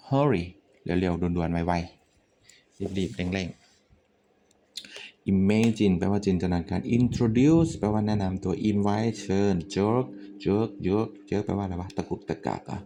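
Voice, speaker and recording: A man with a Thai accent, teaching English vocabulary in a relaxed way, thinking out loud and swearing offhandedly. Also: low voice, slight background noise. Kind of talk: casual spoken vocabulary lesson.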